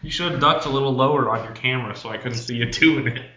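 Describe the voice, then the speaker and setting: A young man co-hosting a podcast over a video call, teasing and opinionated, quick to jump in. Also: medium pitch, echoey room, background noise. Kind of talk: casual chat.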